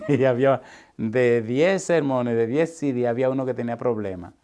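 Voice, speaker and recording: A man's voice: medium pitch, moderate pace. A man, a pastor, teaching a seminar on preaching, calling out questions to his listeners and drilling points with emphatic repetition. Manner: call-and-response questions to the audience; animated, folksy preacher's delivery with emphatic repetition.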